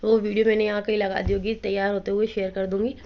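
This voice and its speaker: A woman in her thirties with a hoarse voice, chatting casually to viewers in a home vlog. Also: medium pitch, level tone, quick pace. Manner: chatty, addresses viewers directly. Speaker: vlogger. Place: at home, indoors. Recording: slightly dull lo-fi phone audio with faint noise.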